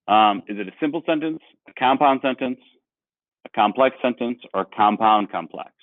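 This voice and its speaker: A man's voice: mid-range voice, animated, normal speed, dry recording. A male teacher leading an online grammar lesson, explaining patiently and asking the class questions. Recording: dry, phone-like sound.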